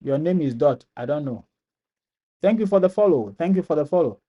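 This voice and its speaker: A man's voice: on the high side, lively intonation, fairly quick, muffled recording. A man with a Ghanaian accent hosting a live-stream question and answer session, reading viewers' comments aloud and answering them, often repeating his phrases.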